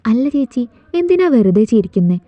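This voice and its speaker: A woman's voice: fairly high pitch, sing-song, brisk, no echo. A woman voicing a cheeky schoolboy little brother who pesters and persuades his sister, in a storybook reading on a dull, dry recording. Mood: teasing.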